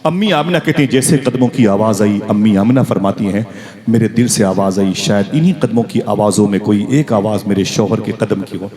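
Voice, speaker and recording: A man's voice: lowish voice, brisk. A male preacher telling a religious story dramatically in a sermon, calling on the gathering to respond. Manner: dramatic, calls for crowd responses. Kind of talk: emotional Islamic sermon storytelling. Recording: crowd noise at a live gathering.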